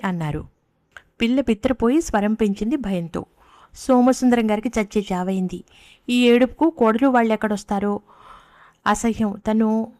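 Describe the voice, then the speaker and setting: A woman narrating a story in a measured, even reading. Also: a little high, no echo, clean studio sound.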